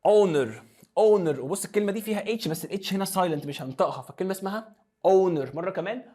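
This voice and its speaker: Egyptian guy teaching english words, quick and a bit high, switches arabic and english a lot. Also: animated, warm tone. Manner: drills pronunciation, mixing Arabic and English. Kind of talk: classroom lesson explanation.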